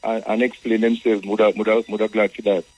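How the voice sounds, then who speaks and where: A Jamaican man calling a radio show, arguing conversationally in Rasta speech with a husky voice, repeating phrases as he builds his point. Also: on the low side, flat delivery, fairly quick, darkish tone, poor audio. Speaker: radio caller.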